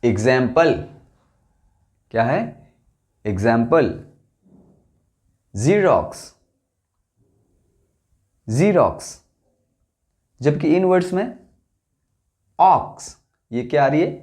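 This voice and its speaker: A man teaching English pronunciation in Hindi, slowly repeating each word for learners to echo back. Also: mid-range voice, lively intonation, darkish tone. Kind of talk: pronunciation drill lesson.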